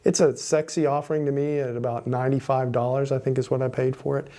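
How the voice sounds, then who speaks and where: A man's voice: medium pitch, little pitch movement, fast talker, warm tone. A man reviewing fragrances in a casual, rambling way, often restarting his sentences and cursing under his breath at small mishaps.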